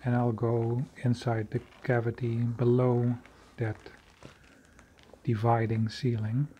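A man narrating his own cave footage in an unscripted voice-over, slow and halting with many fillers and restarts. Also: medium pitch, monotone, muffled recording, slight background noise. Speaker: video creator exploring a cave.

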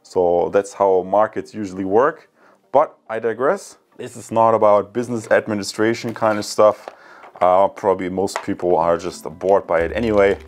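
Speaking from a room in his home, a man in his thirties who hosts a channel gives an unscripted product review. His fairly low, steady voice moves at a moderate pace, and his chatty, rambling style keeps drifting into digressions.

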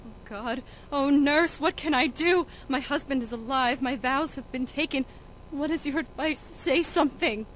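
A woman's voice: a little high, normal speed, slight background noise, natural voice, poor audio. Young woman as a pleading young noblewoman. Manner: pleading, emotional. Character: young noblewoman, desperate and defiant. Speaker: student actor in a school reading.

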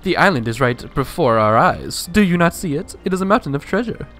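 A man's voice: a little high, sing-song, brisk, fairly bright tone, faint music behind. A man voicing a vain, dramatic merchant adventurer in a video game, with a pompous, theatrical manner. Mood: boastful. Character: vain, boastful, dramatic merchant adventurer, panicking when scared.

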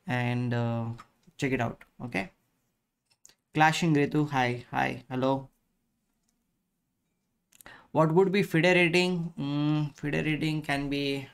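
A man in his thirties with an Indian accent, chatting casually as a chess instructor on a live stream, halting and repeating his phrases. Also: fairly high pitch, clear, resonant tone.

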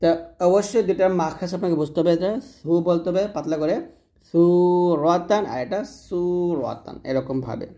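A man teaching Quran recitation in Bengali, contrasting Arabic letter sounds and stretching words slowly. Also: fairly high pitch, dark tone. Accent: Bangladeshi Bengali. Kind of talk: instructional lesson on Arabic letter pronunciation.

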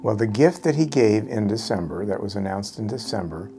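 A middle-aged man answering interview questions in an office, halting with many fillers and restarts. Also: lowish voice, expressive, dark tone. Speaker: university fundraiser interviewee. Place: office indoors. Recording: background music.

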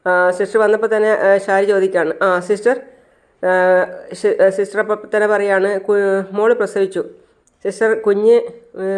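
A vlogger casually retelling a TV serial episode, quoting the characters' lines with many "aa" fillers and restarts. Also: medium pitch. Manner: retells scenes with quoted dialogue, frequent "aa" fillers and restarts. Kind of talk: casual story recap narration.

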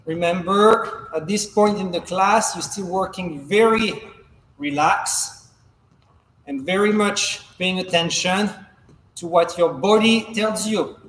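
A young man, a coach, giving calm, measured step-by-step instruction while demonstrating exercises in a large indoor hall. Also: high voice. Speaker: fencing coach. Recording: echoey gym hall, faint background noise.

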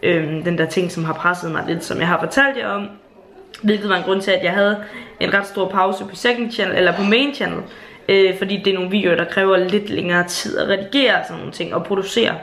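A woman's voice: medium pitch, steady tone, a bit bright, reverberant. A young woman in her late teens from Jutland, chatting casually in a home vlog in a bubbly, gushing way, with swearing and fillers. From Jutland, Denmark. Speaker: YouTuber. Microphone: handheld camera.

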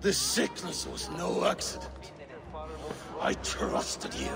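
Hurt, angry, gravelly Viking king. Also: high-pitched, huge pitch swings, drawn-out words, big-room sound, music in the background, exaggerated voice. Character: aging sick Viking king, betrayed, wrathful. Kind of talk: dramatic video game acting.

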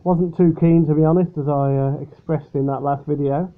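A man's voice: fairly high pitch, fairly even intonation, moderate pace. A man casually reviewing a drink from his upstairs bedroom, rambling and hesitant. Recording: tinny, phone-like sound.

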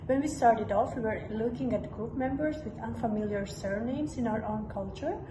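A young woman delivers a rehearsed student presentation with a slightly high voice. She is recorded in a roomy, echoing classroom with noticeable background noise from a camera set back from her. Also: normal speed. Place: classroom with whiteboard. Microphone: far camera. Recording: echoey room, background noise.

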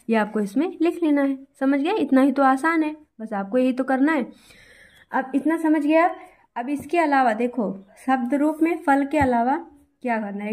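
Woman, young adult, teacher, exam-prep grammar lesson, reassuring, repetitive, fairly high voice. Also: a little mellow. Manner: reassuring, repetitive, addresses students directly.

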